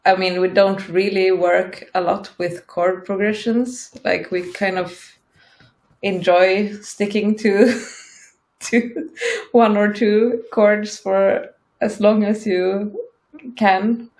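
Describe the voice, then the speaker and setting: A woman, a band member, speaking deliberately in an interview, often restarting her sentences. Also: mid-range voice, fairly even intonation, darkish tone, reverberant. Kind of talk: casual interview.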